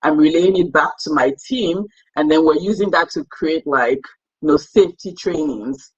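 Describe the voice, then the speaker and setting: Low-pitched and husky, with highs cut off, the voice belongs to a young adult Cameroonian woman speaking at a moderate pace. As a guest in a casual interview, she keeps things chatty, makes light of herself and laughs easily.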